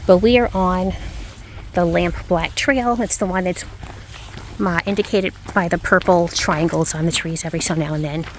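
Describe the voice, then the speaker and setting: A woman's voice: on the low side, moderate pace, slight background noise. A woman talking casually as a hiking vlogger out on a forest trail, unscripted and thinking aloud as she goes. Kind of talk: casual narration while hiking. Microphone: handheld camera carried while walking.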